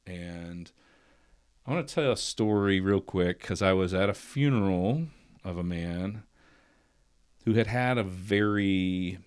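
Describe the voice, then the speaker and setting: A man in his forties hosts a casual podcast conversation with a very low, deep voice. He talks reflectively and builds toward emphatic points. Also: slow, clean tone. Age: 40s. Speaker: podcast host.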